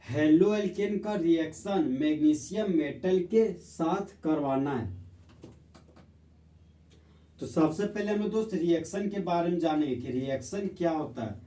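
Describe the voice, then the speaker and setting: A male chemistry teacher explains each step slowly in a friendly, patient way. His voice is dark and mellow, sitting a bit high for a man. He sounds distant from the microphone, with a roomy echo around him. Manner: slow, friendly explaining, often calls listeners friends. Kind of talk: classroom lesson. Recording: echoey room, voice from far off.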